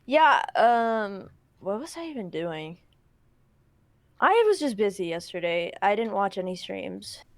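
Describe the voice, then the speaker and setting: A woman chatting casually on a group stream, reacting with animated exclamations. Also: mid-range voice, a little slow, dry recording. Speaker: streamer co-host.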